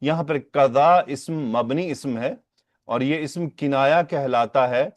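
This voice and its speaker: A man delivers a patient religious lesson, repeating each phrase and asking rhetorical questions as he explains it. His voice sits at an ordinary middle pitch. The recording is dry and a little dull. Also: dry recording. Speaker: hadith teacher. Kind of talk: Urdu lesson on Arabic hadith grammar.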